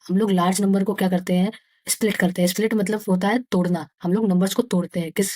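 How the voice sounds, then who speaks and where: A woman with an Indian accent teaching maths to young pupils. She reads English textbook lines slowly, then explains them again and counts aloud step by step. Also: mid-range voice, steady tone, dark tone. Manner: slow, deliberate reading of English textbook lines; explains each line again in Hindi. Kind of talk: casual lesson for young pupils.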